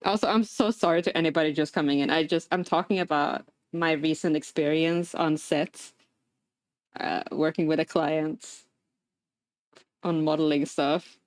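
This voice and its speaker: A woman's voice: low voice, steady tone, normal speed, dry recording, clean studio sound. A young adult woman livestreaming, telling a story in a rambling casual chat with lots of fillers while assembling a craft. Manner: chatty, rambling, many fillers, laughs often.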